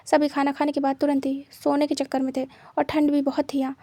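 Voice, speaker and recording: A woman with a high voice reads a story aloud in a steady, plain way. Her pitch barely moves, and the tone is mellow and warm. The recording is close and dry. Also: brisk, no echo. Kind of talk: scripted story narration.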